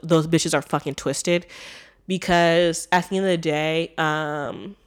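A woman giving a candid, blunt commentary monologue, talking straight to her listeners with frequent swearing and many "like" and "um" fillers. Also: deep voice. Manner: earnest, speaking directly to listeners. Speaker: vlogger.

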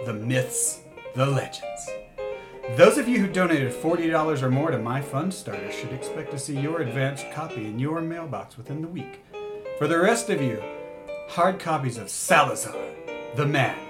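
A smug, boastful billionaire tycoon, voiced by a man, pitching himself in a fake ad. His delivery is grandiose, and his pitch swoops widely. Plucked guitar music plays clearly beneath him. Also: natural voice. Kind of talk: comedic fake radio ad. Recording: guitar music bed under voice.

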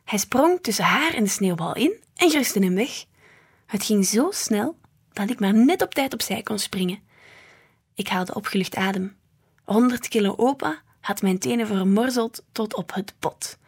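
A woman reading a children's book aloud in a lively, expressive way. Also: medium pitch, unhurried, slightly rough. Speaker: storybook reader.

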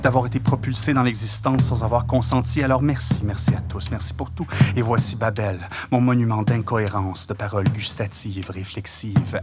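A man with a Franco-Ontarian French accent performing spoken-word poetry, intense and rhythmic, dropping to whispers and rising to loud declaiming. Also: lowish voice. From Ontario, Canada. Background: music.

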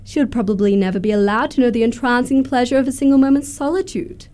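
Playing a gushing, self-assured Victorian romantic in a radio comedy, a woman puts on an affected, emphatic manner. Her voice is fairly high and mellow with a steady tone, close to how she'd normally talk, and she speaks quickly.

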